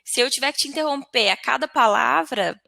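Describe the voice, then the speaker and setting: A woman's voice: high-pitched, fairly quick, gravelly, no room sound. A woman who teaches English online, chatting casually in an interview and laughing often. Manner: lively, laughs often, acts out quotes of students.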